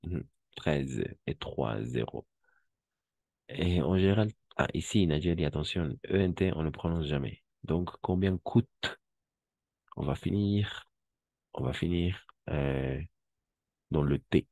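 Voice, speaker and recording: A male language teacher with a very low, dark voice who talks slowly and patiently. He repeats words and corrects pronunciation. The sound is dry and close. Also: expressive, vocal fry, dry recording. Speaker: French teacher. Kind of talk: language class instruction.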